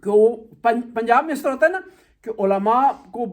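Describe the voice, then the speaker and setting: A man's voice: very high voice, lively intonation. A male Shia cleric giving a conversational religious talk, lecturing through anecdotes and rhetorical questions.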